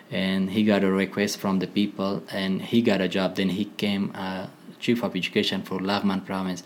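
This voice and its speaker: A man with an Afghan accent, a former commando speaking as a podcast guest in halting English full of pauses and restarts. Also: low-pitched, slight background noise. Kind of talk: conversational interview.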